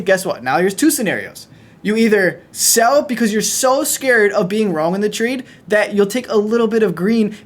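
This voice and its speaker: A young man giving a blunt, profane motivational rant about trading straight to his viewers, pushing hard and talking fast. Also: sits high. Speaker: trading content creator.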